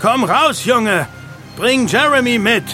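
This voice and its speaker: A man voicing a stubborn grown man who shouts orders to his companions during a storm. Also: a little high, animated, unhurried, voice pushed up. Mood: shouting commands. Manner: shouting commands over the storm. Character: stubborn adult man leading others through a storm. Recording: music bed underneath.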